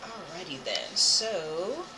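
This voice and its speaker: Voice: medium pitch, sing-song, takes it slowly, noisy background. An American game streamer thinking aloud in casual, playful commentary while playing. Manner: playful, hums filler tunes, reads game text aloud. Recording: game music behind the voice. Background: video game music.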